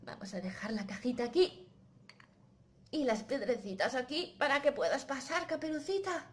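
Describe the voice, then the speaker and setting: A woman from telling a children's story with clay puppets, gentle and slow. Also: sits high. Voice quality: gentle, slow, sing-song.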